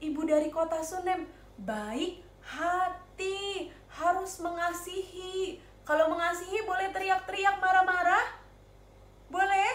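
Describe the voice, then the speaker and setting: A woman with an Indonesian accent teaching Sunday school, telling a story to young children in an animated, sing-song way and asking them questions. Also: high voice, echoey room.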